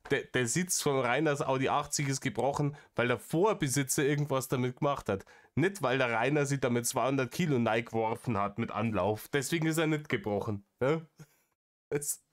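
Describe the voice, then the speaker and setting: Man, sarcastic, rambling commentary, average pitch. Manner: sarcastic, rambling, restarts a lot. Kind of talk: mocking commentary on stream clips.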